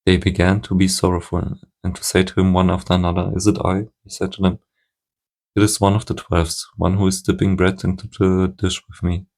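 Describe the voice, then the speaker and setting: A man reading scripture aloud at a steady pace, now and then stumbling and restarting a word. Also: sits low, a little fast. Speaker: Bible reader.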